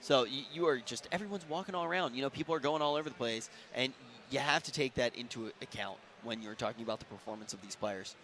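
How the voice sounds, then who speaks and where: A young man commentating a live esports match with excitable energy and a slightly strained voice. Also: medium pitch, fast talker, few pauses. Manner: energetic, excitable, talks over co-host.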